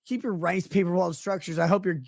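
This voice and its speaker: Husky, drunk man rambling on a stream. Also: high-pitched, steady tone, fairly quick, darkish tone, no echo, clean studio sound. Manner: rambling, profane, slurred tangents. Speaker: livestreamer. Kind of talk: rambling livestream rant.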